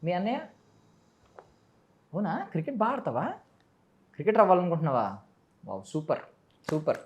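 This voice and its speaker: A woman interviewing a child guest in a relaxed, playful way, teasing him with a stream of questions and mixing English words into her speech. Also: fairly low pitch, brisk, lo-fi sound, slight background noise. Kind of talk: casual interview chat.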